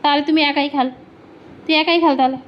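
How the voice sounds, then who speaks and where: A woman's voice: high-pitched, fairly even intonation, quick pace, muffled recording. A woman, talking casually to her dog and urging it again and again to fetch. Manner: coaxing, repeats commands to the dog. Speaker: dog owner filming her pet. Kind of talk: casual talk to a dog and viewers. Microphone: phone held in hand.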